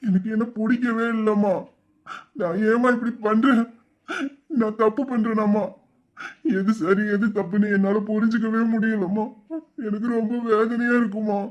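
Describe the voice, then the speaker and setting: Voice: mid-range voice, flat delivery, moderate pace, lo-fi sound, lightly acted. A performer voicing a young man who is crying, pleading and blaming himself, in an audio drama. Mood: tearful pleading. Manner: sobbing, pleading, self-reproaching. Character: young man grieving and begging forgiveness. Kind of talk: Tamil audio drama acting.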